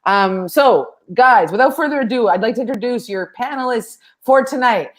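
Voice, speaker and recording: A woman's voice: a little high, lively intonation, normal speed. Woman host, brash and swearing, rambling casual delivery. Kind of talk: casual comedic monologue.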